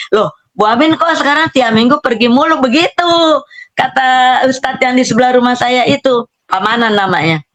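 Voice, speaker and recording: A woman's voice: mid-range voice, fairly bright tone. A middle-aged woman, animatedly telling her own story in a casual spoken testimony and acting out the dialogue. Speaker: testimony speaker.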